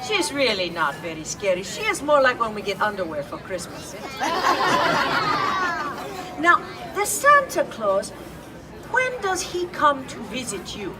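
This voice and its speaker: A woman's voice: on the high side, wildly swooping pitch, unhurried, long pauses, very noisy. A woman playing a kindly old Italian witch who brings gifts, speaking with a put-on Italian accent in a playful, coaxing way and asking children questions as she tells a story. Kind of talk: live in-character storytelling. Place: outdoors in a public urban space. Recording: distant outdoor recording with crowd.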